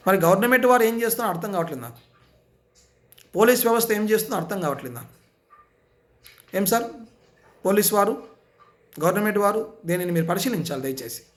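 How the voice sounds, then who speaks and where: A man's voice: sits high, lively intonation, quick pace, long pauses. A man preaching a sermon with insistent, repetitive rhetorical questions. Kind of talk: impassioned sermon.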